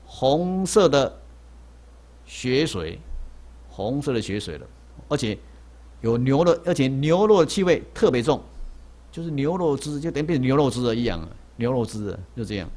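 A man's voice: medium pitch, expressive, moderate pace, long pauses, a little mellow. A man, a Buddhist monk telling a story in a sermon in a lecture hall. He repeats himself often and keeps asking rhetorical questions, then answering them.

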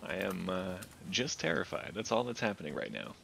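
A man's voice: deep voice, sing-song, fairly quick, vocal fry, fairly bright tone, a little hiss or hum. A man casually chatting while playing a co-op survival game, with a dry, understated humor. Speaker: co-op gaming partner. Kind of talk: casual co-op gameplay chat.

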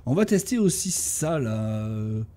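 A man giving casual gameplay commentary, talking to his tamed animals and bursting into excited shouts during fights. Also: mid-range voice, a little slow. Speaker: gaming YouTuber.

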